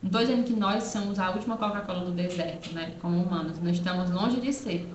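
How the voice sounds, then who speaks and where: A woman's voice: fairly low pitch, fast talker, a little mellow, roomy sound, highs cut off, slight background noise. A woman hosting her own channel, talking earnestly and directly to the viewer in a casual personal monologue, full of rhetorical asides. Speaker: channel host.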